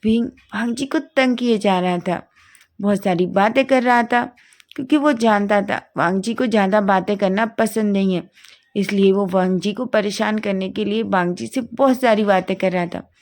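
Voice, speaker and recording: A woman's voice: mid-range voice, moderate pace, a little mellow. Woman narrating a story with self-corrections. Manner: plain retelling, frequent self-corrections.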